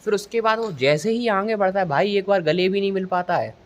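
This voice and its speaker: A young man who reviews movies gives a casual, rambling, jokey recap of a film, acting out bits of dialogue as he goes. His voice sits high and he talks briskly. The recording is a noisy ambient location capture.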